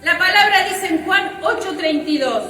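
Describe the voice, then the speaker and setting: A woman's voice: very high-pitched, expressive, moderate pace, pushed and bright. A woman preaching a sermon in a church, fervent and emphatic. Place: church hall. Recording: roomy church hall, mic at a distance, faint music.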